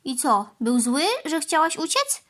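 A woman's voice: high-pitched, sing-song, fairly bright tone, voice pushed up, full character voice. A woman voicing a fussy, greedy male crow who squawks "kra" in a children's storybook reading. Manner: squawks "kra", brisk quick retorts.

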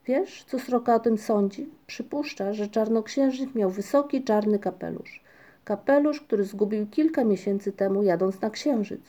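A woman voicing a calm, unhurried young male troll who tells tales in an audiobook. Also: mid-range voice, lightly acted. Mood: calm storytelling. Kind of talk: audiobook character reading.

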